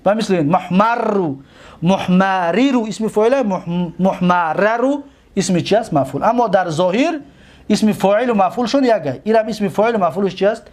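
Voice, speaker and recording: A man with a Tajik accent teaching a class, repeating terms and quizzing students with quick questions. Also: sits high, expressive, a little mellow. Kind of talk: classroom lecture.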